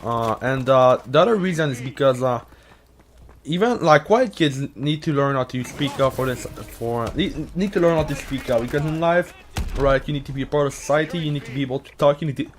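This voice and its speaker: There's slight background noise as this young YouTuber talks briskly in a mid-range voice, answering Reddit questions. His Quebec French accent has partly gone American. The casual vlog rambles, packed with cursing, "uh" fillers and restarts.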